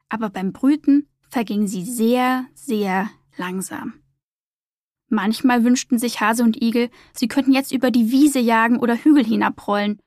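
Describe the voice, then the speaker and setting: Woman, storybook narrator, calm expressive reading, higher voice, dry close sound. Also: no room sound.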